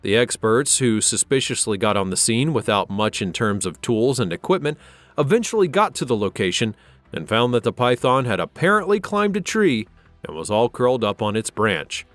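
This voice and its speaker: A man narrating a scripted wildlife countdown, steady with dramatic emphasis, over faint music. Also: mid-range voice, normal speed, no room sound. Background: faint background music.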